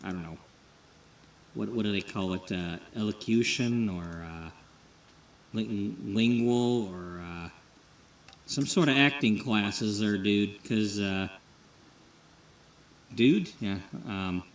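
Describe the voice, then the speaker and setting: A man's voice: on the low side, slow, far from the mic. A man telling a life-sim game story, making rambling, self-mocking asides between his character voices. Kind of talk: casual joking aside while voicing game characters.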